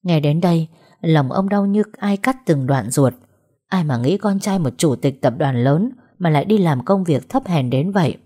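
A woman narrating a family drama story in a steady, dramatic storytelling manner. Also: deep voice, moderate pace, slightly rough.

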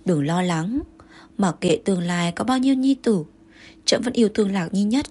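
A possessive, jealous emperor speaks in commanding and coaxing turns, tender underneath, read by a woman. The tone stays at a middle height, with a husky, breathy softness. It is an audiobook role. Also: mid-range voice, moderate pace, lightly acted.

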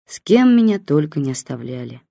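Calm female audiobook narrator, mellow dark tone, dry studio sound. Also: sits low, a little fast, creaky, no room sound. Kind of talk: first-person story narration.

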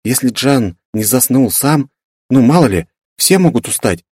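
A man voicing a gentle young woman. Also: medium pitch, animated, unhurried, breathy edge, no echo, studio quality, voice pushed up. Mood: thoughtful. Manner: soft, hesitant, earnest. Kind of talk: audiobook character voice.

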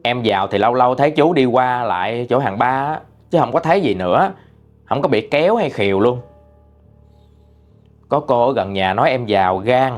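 A man's voice: medium pitch, lively intonation, normal speed, soft background music. A man reading a listener's ghost story aloud in a chatty, conversational way.

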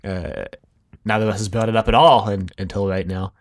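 A man's voice: lowish voice, fairly even intonation, fairly quick. A young man with a blended South African and American accent, co-hosting a podcast in casual, wry chat. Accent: South African mixed with American. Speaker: podcast co-host.

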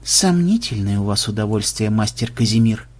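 Cold clipped programmer-sleuth in an audiobook, read by a man: calm, probing, husky edge. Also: lowish voice, normal speed, pitched below the performer's own voice. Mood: quietly probing. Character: cold sharp-witted male programmer investigator. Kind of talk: audiobook character voice.

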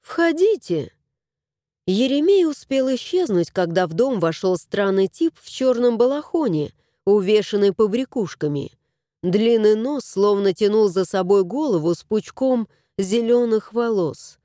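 A woman narrating a storybook in an unhurried, expressive reading. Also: medium pitch, no echo, clean studio sound.

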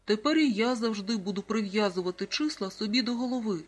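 A reader voicing an earnest, gentle young boy from a children's storybook. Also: mid-range voice, fairly quick, natural voice. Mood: eager.

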